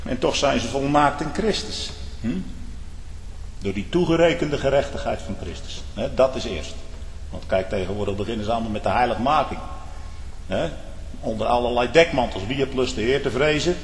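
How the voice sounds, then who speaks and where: A man preaching a fiery sermon, swinging between low, muttered asides and loud, scolding outbursts, with rhetorical questions thrown at the congregation. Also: normal speed, slight background noise. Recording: echoey hall with long reverb.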